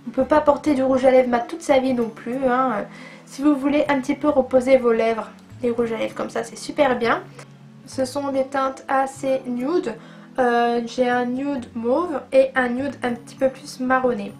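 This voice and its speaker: Woman, high-pitched, chatty, enthusiastic, beauty vlog, casual product review, faint music behind. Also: fairly even intonation, moderate pace, darkish tone. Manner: chatty and enthusiastic, with frequent fillers. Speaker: beauty vlogger.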